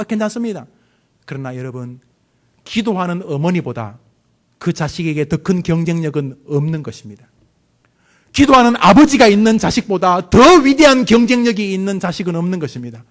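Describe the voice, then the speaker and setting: A man preaching a sermon as pastor, building fervor with rhetorical questions and calls for the congregation to repeat after him. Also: high voice.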